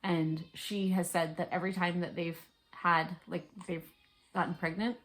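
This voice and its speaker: A woman with a somewhat low voice talks at home in a relaxed, earnest way. She co-hosts a family channel and chats casually, leaning on fillers like "like" and "um". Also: moderate pace, low-quality recording. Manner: earnest, chatty, many "like" fillers. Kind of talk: casual chat.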